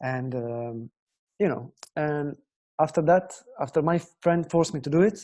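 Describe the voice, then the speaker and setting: A young Italian man with an Italian accent gives an online guitar lesson, explaining earnestly and often putting questions to viewers. His voice sits on the high side, with an unhurried pace and a darkish tone.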